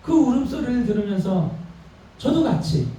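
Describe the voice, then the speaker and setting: A man's voice: very high voice, very animated, normal speed, dark tone. A man in his thirties preaching a Sunday sermon as pastor, repeating his phrases and asking and answering his own questions. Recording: roomy church sound from far off, faint noise.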